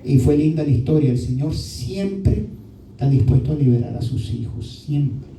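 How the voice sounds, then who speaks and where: A man's voice: a little high, animated, normal speed, warm tone, echoey room, recorded from a distance, slight background noise, poor audio. A male pastor preaching a sermon, often adding "¿verdad?" to check in with listeners. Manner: often adds "¿verdad?" as a tag question.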